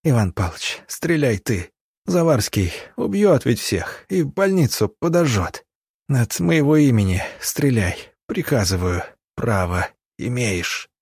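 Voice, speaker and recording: A man voicing a wounded, gruff officer in an audiobook, speaking hoarsely. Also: mid-range voice, very animated, unhurried, a little mellow, no room sound, studio quality, full character voice. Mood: urgent. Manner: hoarse, rasping.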